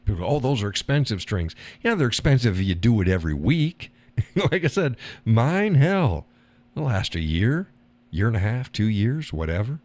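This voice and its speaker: A man hosts a casual live stream, talking bluntly and rambling, swearing and laughing often, and mimicking other people in a higher voice. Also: very animated, moderate pace, a little mellow.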